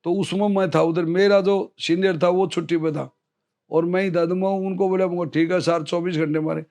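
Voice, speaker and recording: A middle-aged man from India tells an old army story, high in pitch. He is an interview guest and an animated storyteller, slipping into the voices of the people he quotes. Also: normal speed. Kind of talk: storytelling in casual conversation.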